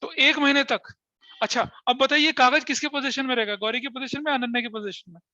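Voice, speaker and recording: A man's voice: extremely high pitch, steady tone, fast talker, pushed and bright, lo-fi sound. A man teaching an accounting class, mixing Hindi with English, asking questions and repeating key terms to check that his students follow.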